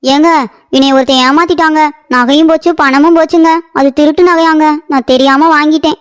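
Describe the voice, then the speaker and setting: A woman's voice: sits high, steady tone, a little fast, natural voice. A woman voicing a remorseful young wife in a cartoon, pleading and apologetic. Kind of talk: cartoon voice acting.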